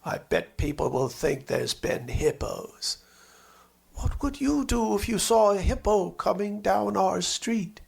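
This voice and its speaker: A man's voice: high-pitched, lively intonation, slow, vocal fry, slightly rough, pitched above the performer's own voice, full character voice. A man reading a storybook and voicing imaginative, boastful, mischievous small boys with an eager, playful manner. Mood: playful bragging.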